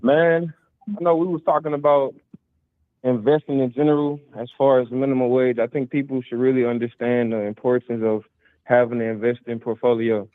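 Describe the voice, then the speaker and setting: A man's voice: mid-range voice, dry recording. Give me a young man calling in on a muffled, tunnel-like phone line. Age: 20s. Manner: earnest, motivational, speaks in long run-on stretches. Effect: muffled phone line that sounds like a tunnel. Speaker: caller. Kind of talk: call-in talk on a morning show. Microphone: phone call. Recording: tinny, dry phone line.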